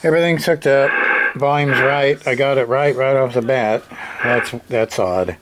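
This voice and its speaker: A man speaking at normal speed in a mid-range voice talks through a CB radio repair he's doing by hand. His narration is casual, rambling and folksy, with muttering asides. The audio is noisy, with clicks and radio sounds.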